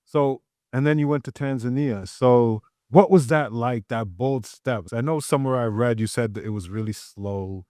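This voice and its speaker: A man's voice: mid-range voice, moderate pace, warm tone, no room sound, clean studio sound. A man hosting an interview podcast, asking loose, upbeat questions with fillers, recorded in an art gallery. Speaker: podcast host. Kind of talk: casual interview.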